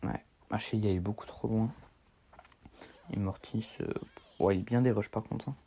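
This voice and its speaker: Teen guy streaming a game, low-ish voice, rambly slangy chatter that keeps restarting. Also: steady tone, normal speed, vocal fry, mellow, husky. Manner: rambling, slangy, self-correcting. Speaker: gaming streamer. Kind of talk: casual gameplay commentary.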